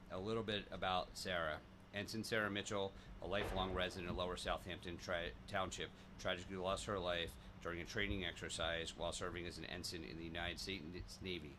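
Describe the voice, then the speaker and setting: A man with a low voice addresses a ceremony from a podium microphone, pausing often with fillers and false starts. He speaks formally, as the event's emcee. Noticeable outdoor ambient noise sits behind his voice. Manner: halting, with many fillers and restarts. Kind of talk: formal dedication remarks.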